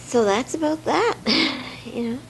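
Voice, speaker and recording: An older woman from Romania, recalling her childhood in a hesitant, reflective home interview with many pauses and fillers. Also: high-pitched, lively intonation, slight background noise, rough recording. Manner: hesitant, many fillers, soft trailing words.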